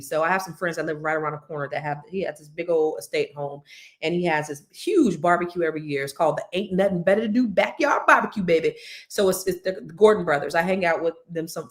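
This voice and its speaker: A woman hosts a live money and news show, chatting casually and excitedly to viewers. Her voice is deeper than usual from cigar smoke, and she tells stories in an excitable way with many fillers.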